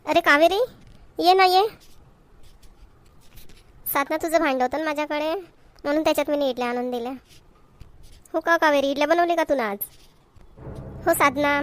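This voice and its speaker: In amateur cartoon comedy dialogue, a woman lightly acts a high-voiced, chatty village housewife with a Varhadi Marathi accent from Vidarbha. The character, like other village housewives and mothers, is homely and mildly exasperated, using chatty, repetitive phrasing.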